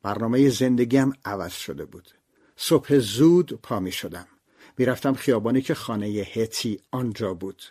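A man reading a first-person memoir aloud as an audiobook, reflective, with his voice swinging between hushed and fuller passages. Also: mid-range voice, lively intonation, slightly rough. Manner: reflective, with wide shifts from soft to loud. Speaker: narrator.

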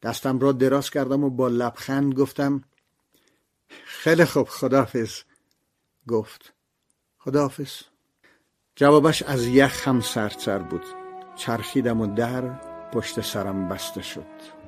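A man reads a first-person memoir in an audiobook style. His mid-pitched voice turns reflective, dropping to near-hushed tones and rising to fuller, louder passages. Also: steady tone, faint music behind. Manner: reflective, with wide shifts from soft to loud. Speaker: narrator.

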